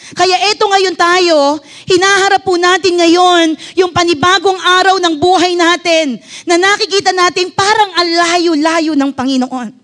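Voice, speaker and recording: A woman's voice: extremely high pitch, a bit bright. A middle-aged woman pastor with a Filipino accent, preaching a fervent sermon that mixes English into her talk and asks the congregation questions.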